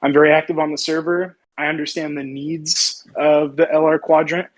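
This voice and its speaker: A man's voice: on the high side, little pitch movement, moderate pace, poor audio. A young man speaking as a candidate in an online debate, assertive and emphatic in his delivery.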